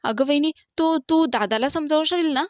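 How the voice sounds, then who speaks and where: A young woman who pleads and pushes hard against being married off, read out by a woman recapping the serial. The voice sits a little high. The recording is dry and slightly muffled. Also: normal speed, a bit bright, no room sound. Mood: pleading. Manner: pleading, insistent.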